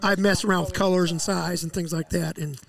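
A middle-aged man with a fairly high, gravelly voice talks shop as a fishing guide. He explains things in an easygoing way, with fillers and restarts. He speaks into a headset mic out on a lakeside deck. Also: fairly even intonation, brisk. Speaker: walleye fishing guide, podcast guest. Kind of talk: casual interview. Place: outdoor deck by a lake.

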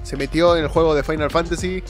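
A young man comments casually on a video he is watching. His voice sits a little high and he sounds amused and animated, often repeating himself. Music is clearly audible behind him. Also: quick pace. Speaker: reaction video host.

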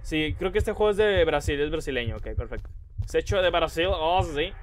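A young man giving excitable let's play commentary, yelping and squealing when scared. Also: fairly high pitch, moderate pace, a little hiss or hum. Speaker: gaming YouTuber.

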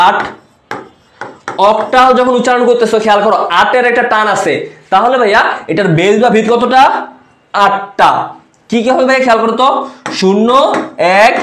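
High-voiced man teaching with lots of repetition. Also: fairly bright tone, echoey room. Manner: repeats key terms, quizzes students with quick questions; casual, calls students "bhaiya". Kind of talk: online class lecture.

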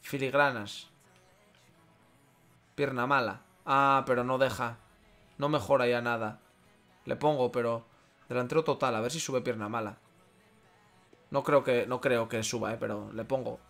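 A man streaming a football game and talking to his chat in an excitable, loose way, with swearing and playful mock sermons aimed at viewers. His voice sits at an ordinary middle pitch. Faint music plays underneath. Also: measured pace, vocal fry, pauses often. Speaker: streamer playing a football career mode. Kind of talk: casual gaming commentary to chat.

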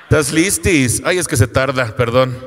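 A man's voice: medium pitch, moderate pace, a bit bright. A man hosting a comedy roast, teasing the comics while introducing the next one. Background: audience.

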